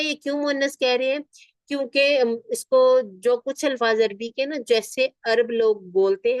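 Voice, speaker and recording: A woman teaching Quranic vocabulary word by word. She is patient, repeats each term slowly and keeps checking that her students follow. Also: on the high side, no room sound. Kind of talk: word-by-word Arabic vocabulary lesson.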